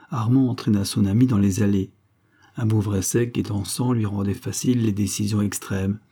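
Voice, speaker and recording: A man reading a literary novel aloud in a measured, even way. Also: on the low side, breathy edge. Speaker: audiobook reader. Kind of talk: scripted literary narration.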